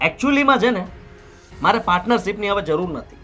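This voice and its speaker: Brief: stubborn young hothead, high and sharp, faint music behind. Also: male voice, lively intonation, moderate pace, heavily acted. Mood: dismissive. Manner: curt, defiant, dismissive. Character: hot-headed young businessman, stubborn and quarrelsome. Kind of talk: film drama acting.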